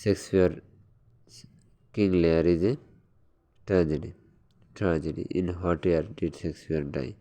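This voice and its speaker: Slow, deep-voiced male quiz tutor. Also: fairly even intonation, mellow. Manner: reads quiz questions slowly, then explains in quick asides. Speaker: exam tutor. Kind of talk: exam-prep lesson.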